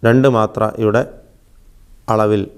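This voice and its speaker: Man teaching recitation, smooth voice. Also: fairly low pitch, fairly even intonation. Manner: patient explaining, drawn-out demonstrations. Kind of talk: religious lesson.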